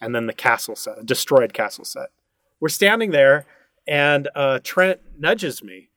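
Man, podcast guest, dry close sound, unhurried anecdote with fillers. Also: medium pitch, animated, fairly bright tone, no echo. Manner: unhurried storytelling with many uh fillers. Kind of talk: casual anecdote telling.

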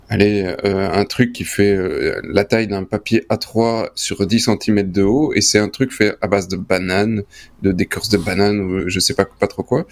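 Gravelly low man chatting. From Belgium. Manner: rambling, full of fillers and casual slang. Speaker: co-host. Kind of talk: casual podcast chat.

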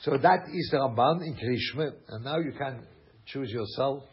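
A man's voice: medium pitch, moderate pace, highs cut off. A man from Switzerland teaching a Torah class, talking animatedly, repeating phrases and mixing in Yiddish and German words. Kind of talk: Torah lecture.

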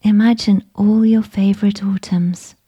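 A woman whispering a slow, soothing guided meditation with gentle instructions. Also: mid-range voice, fairly even intonation, slightly rough.

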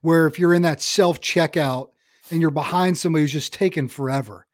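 A man's voice: fairly high pitch, a little fast, no echo, studio quality. A man hosting a podcast interview, friendly and affirming, casually calling his guest "man" and "bro.". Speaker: podcast host.

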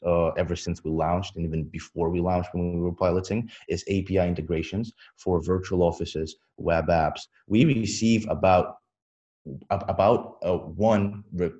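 A man talking like a tech bro as he pitches his startup in a podcast interview, halting and repeating words, on dull lo-fi audio. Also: mellow. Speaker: startup founder, interview guest.

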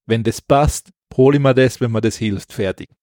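A man with an Austrian accent co-hosts a podcast, keeping the chat casual and opinionated and often repeating words as he starts a thought. His mid-range voice is a little mellow and moves at a moderate pace. The studio-quality audio has no echo.

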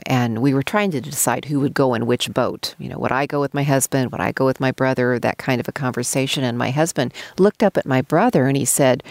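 Animated woman telling a story. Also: extremely low pitch, gravelly, no echo. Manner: animated, laughing, lively. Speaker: podcast co-host. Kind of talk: casual storytelling.

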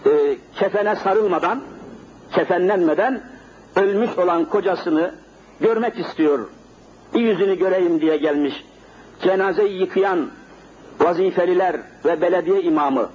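A middle-aged male preacher giving a sermon in a mosque, telling a story vividly and speaking directly to his congregation. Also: high-pitched. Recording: dull lo-fi sermon recording, faint noise.

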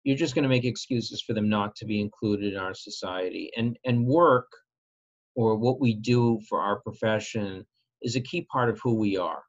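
Earnest man, slightly dull recording. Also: lowish voice. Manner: earnest, measured, repeats opening words. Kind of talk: conversational interview.

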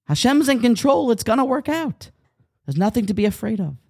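Man doing a high-voiced old grandmother. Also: big pitch swings, a little slow, gravelly, heavily acted. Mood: calm reassuring. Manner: high, soothing old-lady voice. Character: old grandmother, calm then panicky.

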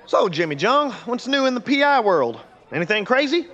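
Man playing an excitable high-voiced sidekick. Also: normal speed, lo-fi sound, some chatter behind, heavily acted. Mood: cheeky. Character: excitable, crude, tubby lovesick male sidekick. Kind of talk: audio comedy acting.

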